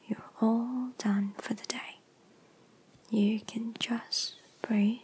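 A woman speaks in an airy, breathy whisper with almost no voice behind it, and she lingers on every word at a very slow pace. It is gentle, lulling ASMR comfort roleplay, whispered close to the microphone. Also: fairly high pitch, rough recording. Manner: soft unvoiced whisper, soothing and lulling. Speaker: ASMR creator.

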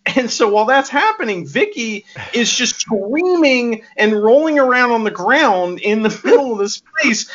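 A man with a high, bright voice chats loosely through a movie recap, jumping into quoted lines and laughing as he goes. His tone swings up and down constantly. The recording sounds dull and lo-fi. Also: moderate pace, few pauses, a little hiss or hum. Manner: animated, laughs often, acts out quoted lines. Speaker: podcast co-host. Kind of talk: casual movie recap chat. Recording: dull lo-fi audio.

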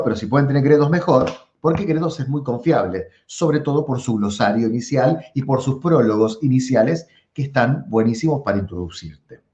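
Animated Rioplatense man teaching philosophy. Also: mid-range voice, echoey room, muffled recording. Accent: Rioplatense Spanish. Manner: animated, addresses viewers directly, repeats words for emphasis. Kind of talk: lively lecture to camera.

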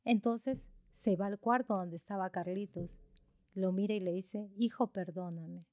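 A woman preaching through a family story, animated and full of fillers. Her voice sits in a middle pitch. The sound is dry and close, with no room echo. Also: a little slow. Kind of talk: storytelling sermon.

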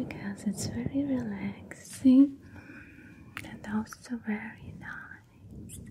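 Slow soft-whispering woman, spa ASMR. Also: mid-range voice. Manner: soft, slow, soothing attention to the listener. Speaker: ASMR roleplay host.

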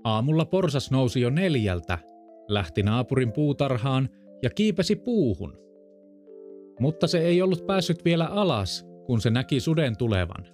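A man reads a children's fairy tale aloud in a calm, steady voice of middling pitch. A faint musical backing runs quietly underneath. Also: soft background music. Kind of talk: storybook narration.

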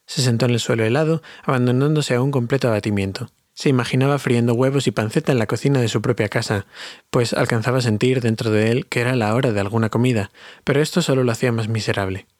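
A man's voice: mid-range voice, fast talker, no echo, clean studio sound. A man reading a fantasy audiobook aloud, confiding and speaking straight to his listeners. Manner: warm, confiding, addresses listeners directly. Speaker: audiobook reader. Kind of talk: storytelling narration.

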